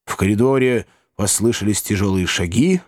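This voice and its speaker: A man narrating a classic novel as an audiobook in an expressive, animated way. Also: fairly low pitch, normal speed, dry recording, clean studio sound.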